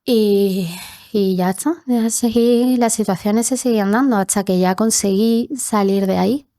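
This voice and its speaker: A woman's voice: medium pitch, measured pace, warm tone, no echo. Earnest young woman, dry close voice. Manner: earnest, acts out quoted voices from her childhood. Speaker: interview guest. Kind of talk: personal testimony in a podcast interview. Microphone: podcast studio mic.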